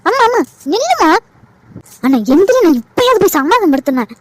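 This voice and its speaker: A pleading, protective young daughter from a homemade cartoon, voiced by a woman. She speaks fast and high. The sound is dry and close. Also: no echo, close to an everyday voice. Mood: indignant. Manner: pleading, indignant. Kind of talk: amateur cartoon voice acting.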